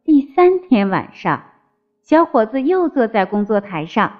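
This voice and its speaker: A woman narrating a fairy tale in an expressive storytelling manner. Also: on the high side, a little slow. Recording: slightly dull with faint music.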